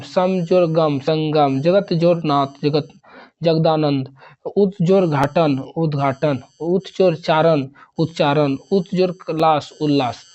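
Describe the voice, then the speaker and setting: A man's voice: a little high, darkish tone. Man teaching grammar, dull lo-fi sound. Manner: rattles off examples, repeating terms. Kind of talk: exam revision lesson.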